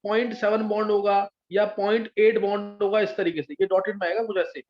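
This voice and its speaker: High-voiced male chemistry teacher, lo-fi. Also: little pitch movement, fairly quick. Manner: patient, checks understanding often. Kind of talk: live online class teaching. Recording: dull lo-fi sound.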